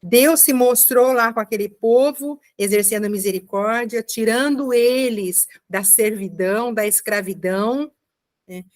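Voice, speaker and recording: A woman giving a commented Bible reading, explaining slowly with frequent checking asides. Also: on the high side. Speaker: Bible teacher.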